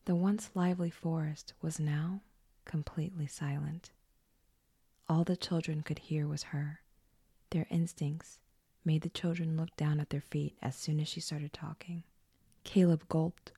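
A woman narrating a scripted horror story in a hushed, often whispered delivery. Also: sits low, flat delivery, measured pace, slightly rough, dry recording, clean studio sound.

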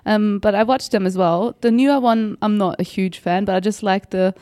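A woman's voice: mid-range voice, steady tone, normal speed, warm tone, dry recording, clean studio sound. A woman guesting on a podcast, chatting casually, hesitant and given to short replies. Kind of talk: casual chat.

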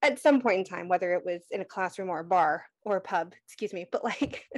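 A woman's voice: lowish voice, fairly quick, dry recording, clean studio sound. A woman in casual, supportive conversation, responding to the person she is talking with. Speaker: conversation partner.

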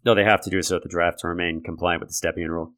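A man hosting a sports podcast solo, talking analytically and conversationally in a gravelly voice left raspy by a lingering cold. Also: low voice, fairly even intonation, very fast, a bit bright. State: raspy from a lingering respiratory infection. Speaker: podcast host. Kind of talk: sports commentary monologue.

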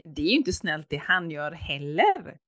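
A woman in casual chat, listening supportively and offering frank but gentle opinions. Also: sits low, sing-song, no echo, muffled recording.

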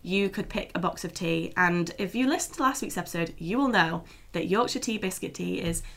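A British woman in her twenties with a hoarse, froggy, lost voice, chatting casually and self-deprecatingly as a podcast co-host. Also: lowish voice, a little fast, fairly bright tone. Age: 20s. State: hoarse, froggy, worn-out voice from losing it.

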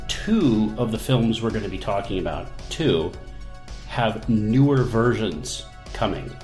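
A man's voice: fairly low pitch, animated, unhurried, a little mellow, faint music behind. Jokey man hosting, roomy echo. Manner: jokey, self-mocking, rambling. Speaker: podcast host and managing editor. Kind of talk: casual podcast chat.

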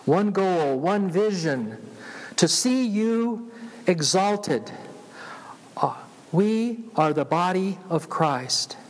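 A man's voice: sits high, lively intonation, drawn-out words. A man with a Southern accent from Georgia preaching as a pastor, repeating phrases and calling on his congregation to respond. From Georgia, United States. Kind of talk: sermon. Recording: long hall reverb of a large room.

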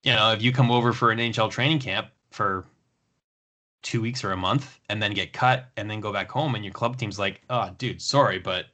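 A man hosting a casual podcast chat, relaxed, talking in long runs with fillers. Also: lowish voice, brisk. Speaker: podcast host.

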